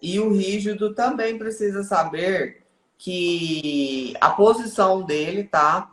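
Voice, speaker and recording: A woman's voice: medium pitch, takes it slowly, echoey room, a little hiss or hum. A woman speaking as a guest on a live stream, explaining in a teaching way and often checking in with the listener.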